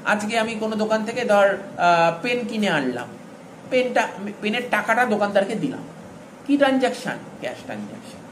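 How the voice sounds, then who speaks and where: A man's voice: sits high, expressive, moderate pace. A man teaching accounting in an informal lecture, talking straight to his students and checking often that they follow. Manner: informal, addresses students directly with frequent "all right?" checks. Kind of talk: classroom-style lecture. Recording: echoey room with faint ambient noise.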